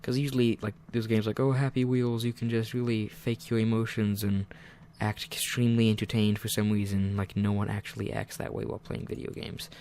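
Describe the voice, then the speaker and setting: Male gaming host, casual let's-play chatter, rambling, self-deprecating, low and gravelly delivery. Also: little pitch movement, a little fast, hardly any pauses, a little mellow. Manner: rambling and self-deprecating, often muttering asides.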